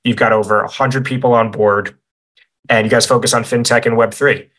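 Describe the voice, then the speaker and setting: Guy hosting an online conference on a video call, bright voice, says "like" a ton, bit out of breath. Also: medium pitch, brisk, rough recording. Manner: energetic, filler-heavy with many "like"s. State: a little out of breath. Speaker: conference host. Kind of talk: casual conference talk.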